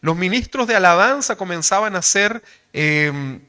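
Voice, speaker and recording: Speaking Chilean Spanish, a man preaches a sermon conversationally, tossing in rhetorical questions after nearly every phrase. His high voice is bright and forceful, with lively intonation and a slightly slow pace.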